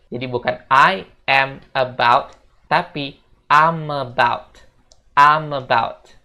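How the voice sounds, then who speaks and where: A man with an Indonesian accent teaching English phrases in a casual lesson, chatty, slowing down to model each phrase. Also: medium pitch, gravelly, fairly bright tone. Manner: chatty, says "guys" a lot, slows down to model English phrases.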